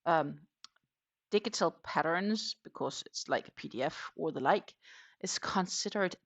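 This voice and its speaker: A Danish woman who speaks English as a second language hosts a casual crochet livestream, chatting while she works. Her voice is deep, expressive and a little slow, and she muses aloud with fillers and restarts.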